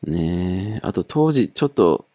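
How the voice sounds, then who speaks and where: A man's voice: low voice, very animated, a little slow, over loud music. A young man from Japan chatting casually and with self-mockery as he looks back over his old diary, with many fillers.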